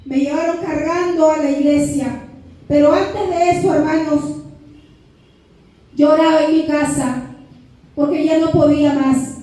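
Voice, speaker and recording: A woman's voice: sits high, steady tone, measured pace, long pauses, warm tone, very echoey, distant mic, rough recording. A woman giving a fervent religious testimony in church, again and again calling out to the congregation. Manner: fervent, repeatedly addresses the congregation.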